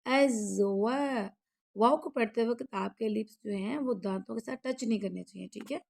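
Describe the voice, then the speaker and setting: A woman teaching Quran recitation rules, who chants each verse slowly and loudly and then explains quickly and softly, often checking that the learner follows. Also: on the high side, vocal fry, husky. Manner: checks in with the listener after each rule.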